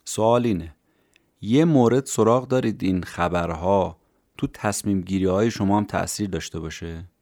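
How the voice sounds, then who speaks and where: A man hosting a podcast, calmly summarizing a book for listeners in scripted narration. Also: sits low, no echo, studio quality. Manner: calm, explanatory, addresses listeners directly. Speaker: podcast host summarizing books.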